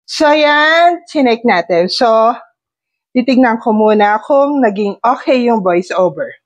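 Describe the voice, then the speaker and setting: With a fairly high, lively voice and an unhurried pace, a middle-aged Filipino woman demos a wireless clip-on mic and phone around her house. A cold makes her sound nasal, the highs are cut off, and she chats casually as she explains each step.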